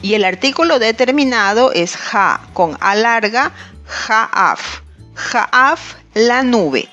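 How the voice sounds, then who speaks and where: A woman teaching a grammar lesson in a careful, scripted way, pausing to spell out each example. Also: on the high side, lively intonation, fairly bright tone, lo-fi sound, soft background music. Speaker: language teacher.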